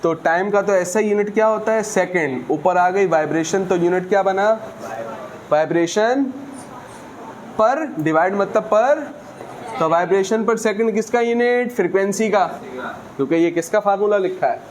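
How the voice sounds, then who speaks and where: A man's voice: high voice, moderate pace, slight background noise. A man teaching a physics lesson, who keeps asking his students questions and answering them himself. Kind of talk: classroom lecture.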